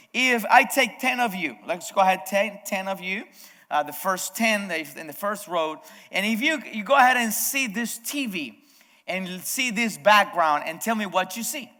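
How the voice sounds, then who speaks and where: During a church service in an echoey hall, a male pastor who grew up speaking Spanish preaches in a conversational style to the congregation. His voice sits high with a bright, forceful tone, and he frequently restarts his sentences.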